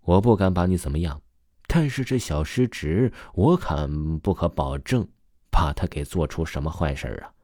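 A man's voice: low voice, expressive, normal speed, a little mellow, no echo, clean studio sound. A man voicing a sly, menacing middle-aged man in a suit, falsely friendly and sneering, in an audio story.

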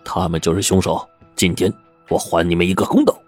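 A man's voice: low voice, steady tone, fairly quick, a little mellow, breathy edge, faint music behind. A man playing a scheming intelligence chief. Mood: pleading. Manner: urgent, pleading then cold. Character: scheming male intelligence chief, middle-aged.

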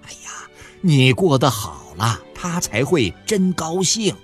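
A man's voice: fairly high pitch, very animated, slow pace, soft background music. A man reading a novel aloud and voicing a blunt, conflicted farmer who stammers. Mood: pleading. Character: middle-aged farmer man, blunt, torn over divorce.

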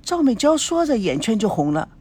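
A woman narrating a romance novel as an audiobook in an expressive, sing-song way. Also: on the high side, fairly quick, breathy edge, no room sound.

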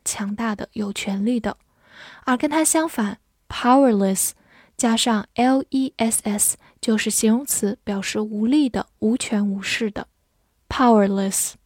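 In a scripted lesson on English vocabulary, a woman spells each word letter by letter and reads the example sentences slowly. Her voice sits on the high side, a little mellow and slightly rough, with no echo.

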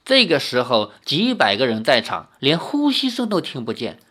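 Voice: mid-range voice, wildly swooping pitch, moderate pace, pushed and bright, husky. A storyteller reading a novel aloud expressively, adding casual asides.

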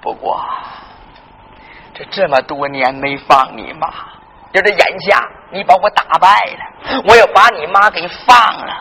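A storyteller voicing a crafty, tearful seventy-year-old grandfather who was once a martial hero, wailing and shouting in a zhuizi dialogue. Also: medium pitch, a little slow, breathy edge, heavily acted. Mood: wheedling. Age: older. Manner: wailing, theatrical sobbing and shouting. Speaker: storytelling performer.

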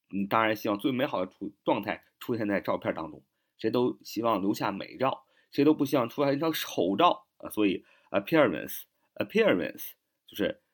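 A man teaching English vocabulary, spelling words out letter by letter and repeating each example sentence slowly. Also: lowish voice. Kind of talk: vocabulary lesson.

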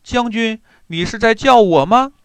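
A man's voice: high voice, unhurried, fairly bright tone, smooth, dry recording, voice pushed up. A man voicing a brave young boy warrior who speaks confidently and gives commands. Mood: bold, confident.

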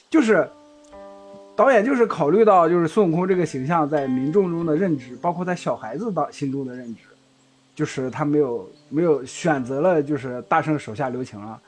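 A man's voice: fairly high pitch, animated, fast, soft background music. A man co-hosting a casual podcast discussion, talking in a chatty way with laughs and hesitant restarts. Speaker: podcast co-host.

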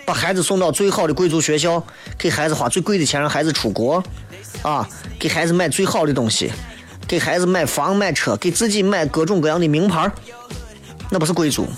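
High-voiced Shaanxi-accented man hosting a talk show. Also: a little fast, faint music behind. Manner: opinionated, rhetorical questions and tag questions. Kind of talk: colloquial monologue commentary.

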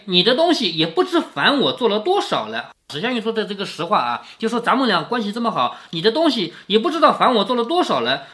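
A man reading an old classic to his daughter, pausing after each passage to put it in everyday words. His voice rises and falls a great deal as he talks, and he keeps checking in with little questions, the tone of an informal family lesson. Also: high voice, fairly bright tone. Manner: paraphrases each quoted passage in plain words. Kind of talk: casual retelling and explaining of a classic novel.

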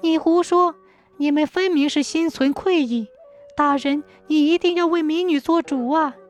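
A woman voicing a wronged young woman who is bitter and vengeful, speaking in a shrill, accusing way. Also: moderate pace, faint music behind, close to an everyday voice. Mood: furious. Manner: accusing, shrill, teeth-gritting.

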